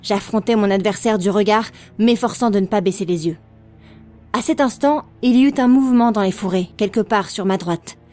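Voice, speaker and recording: A woman reading an audiobook in a steady, expressive storytelling manner. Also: mid-range voice, normal speed, faint music behind. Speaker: audiobook narrator. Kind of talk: scripted audiobook narration.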